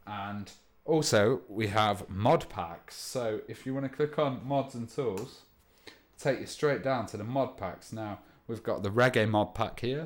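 Low-voiced man talking into headphones as mic. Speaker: DJ and music show host. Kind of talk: casual livestream chat. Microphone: headphones used as a microphone.

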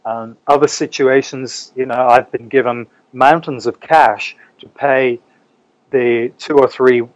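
A man's voice: mid-range voice, fairly even intonation, unhurried, no echo, highs cut off. A man from New Zealand talking casually as a guest in an interview. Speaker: interview guest, English teacher.

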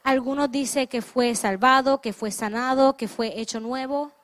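A woman interprets a sermon line by line as it is preached. Her voice sits high, and she often trips, restarts words, and pauses to find the right phrasing. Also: fairly bright tone. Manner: translates phrase by phrase with restarts and hesitations.

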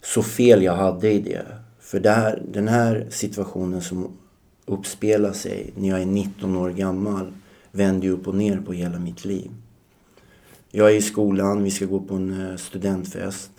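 A man's voice: low-pitched, little pitch movement, mellow. A man in his forties, a podcast guest telling his life story in a reflective way, often hesitating. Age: 40s. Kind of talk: personal storytelling.

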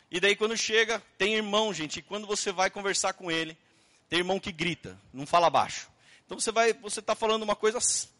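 A man preaching a sermon, telling a story and acting out the people in it loudly. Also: high-pitched. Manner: lively, animated, acts out quoted people loudly. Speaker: pastor. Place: church.

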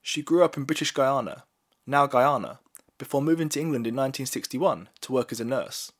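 A male reporter narrating a news feature and gently interviewing an elderly woman. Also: mid-range voice, brisk.

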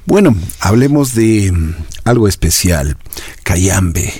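A man's voice: low-pitched, expressive, slow, darkish tone, slightly rough. A male interviewer who gives short prompting cues and brief affirmations. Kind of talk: interview questions.

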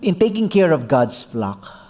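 A male Filipino pastor delivers a sermon in a storyteller's manner, slipping into English mid-sentence. His voice sits a bit high and swings widely in pitch as he acts out the people in his story. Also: a little slow. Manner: animated storyteller mixing English into Tagalog, acting out characters.

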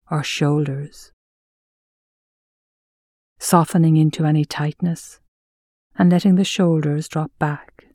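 Guiding a mindfulness meditation, a woman speaks softly and soothingly at a measured pace, her low voice fading into breathiness and long pauses separating each phrase. It's studio quality, without any room sound.

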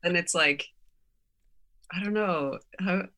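A woman's voice: lowish voice, takes it slowly, bright, forceful tone. Hesitant young woman, podcast guest. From Finland. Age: 20s. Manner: hesitant and self-doubting, laughs lightly. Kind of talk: casual chat.

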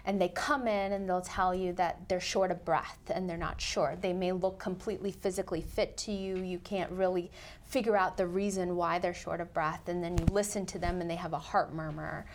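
A woman's voice: fairly low pitch, level tone, moderate pace, a little hiss or hum. A woman cardiac surgeon on a call-in medical show, explaining procedures in plain terms and laughing easily.

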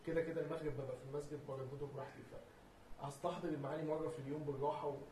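A man's voice: fairly high pitch, fairly even intonation, racing, warm tone. A man with an Egyptian accent, a student in the class, asking his teacher an earnest question. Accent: Egyptian Arabic. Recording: distant, roomy sound with faint noise.

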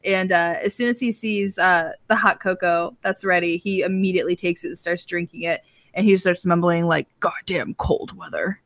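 A woman's voice: on the low side, steady tone, a little fast, a bit bright, no echo. A woman running a tabletop game as game master, narrating casually with fillers.

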